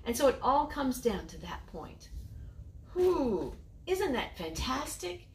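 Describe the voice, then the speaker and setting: A woman teaching preschoolers, leading a prayer and reading a storybook aloud in a gentle, encouraging way. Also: sits high, big pitch swings, a little slow, slight background noise. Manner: gentle and encouraging, speaking to small children. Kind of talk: children's lesson and storybook reading.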